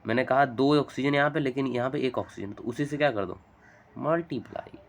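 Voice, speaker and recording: Male teacher, quick chatty explainer who keeps checking in with the class. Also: medium pitch, vocal fry, a little hiss or hum. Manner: fast, chatty, coaxing with frequent "theek hai" and "bhai". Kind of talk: chalk-talk chemistry lesson.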